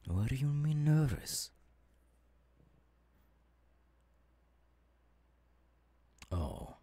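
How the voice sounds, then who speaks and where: A man playing an eager, kindly professor mentoring an apprentice in an ASMR roleplay, with halting, dramatic pauses. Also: mid-range voice, big pitch swings, mellow, no echo. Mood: earnest, confiding. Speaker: voice actor, ASMR artist.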